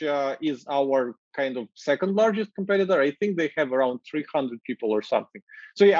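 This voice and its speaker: A man in his thirties from Ukraine with a Ukrainian accent, speaking English in a casual, energetic interview with many fillers, over wireless earbuds on a video call. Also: fairly high pitch, no echo, lo-fi sound. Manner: energetic, gestures while talking, many fillers. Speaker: marketing executive guest. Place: office with glass walls, indoors.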